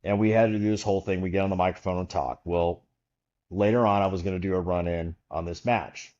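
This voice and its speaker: A man's low voice comes through a muffled recording at a fast clip. He's a podcast guest casually spinning a long story, animated as he acts out the voices of the people in it.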